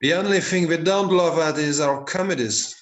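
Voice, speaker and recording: A man's voice: fairly high pitch, normal speed, lightly acted. A man playing a hesitant, stammering set builder. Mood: wry. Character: hesitant married man who builds the sets. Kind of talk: amateur play reading. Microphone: video call.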